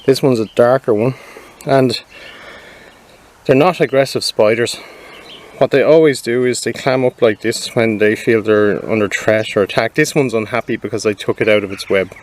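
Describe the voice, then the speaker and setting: A man's voice: medium pitch, normal speed. A man presenting wildlife in an informal, explanatory nature documentary style, speaking to viewers. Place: mostly outdoors in nature.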